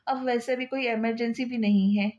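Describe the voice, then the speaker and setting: Female narrator voicing a tender young man, soft and coaxing, dull lo-fi sound. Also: a little high, steady tone, moderate pace, natural voice. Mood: doting.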